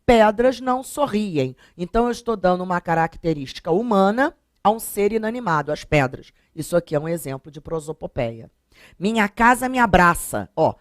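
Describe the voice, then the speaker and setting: A woman with a Brazilian Portuguese accent teaching a recorded grammar lesson, talking straight to her viewers and reading examples out slowly. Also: lowish voice, dry recording, studio quality. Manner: lively, addresses viewers directly, reads examples slowly.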